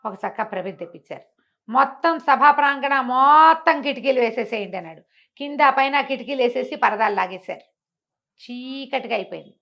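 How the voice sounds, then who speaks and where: Her voice sits on the high side, bright and forceful, in a recording with the highs cut off. She's a storyteller expressively relating a moral fable, voicing the characters' dialogue and posing rhetorical questions.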